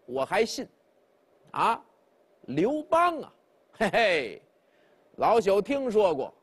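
A man's voice: sits high, husky, full character voice. Man playing a wry drunken old hermit.

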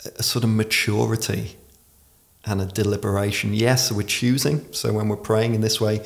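Low, creaky man with soft w-like r's. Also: flat delivery, normal speed. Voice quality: pronounces r as w. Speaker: podcast guest. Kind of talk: reflective conversational explanation. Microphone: podcast microphone on desk stand.

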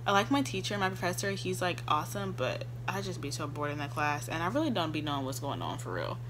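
A woman's voice: low voice, lively intonation, fast, noisy background. Chatty young woman vlogging casually. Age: young adult. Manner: rambling, chatty, laughs easily. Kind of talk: casual chat.

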